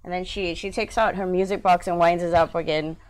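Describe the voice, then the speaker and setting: A woman's voice: fairly low pitch, fairly even intonation, fairly quick, rough recording. A woman playing a tabletop role-playing game, chatting and bantering casually.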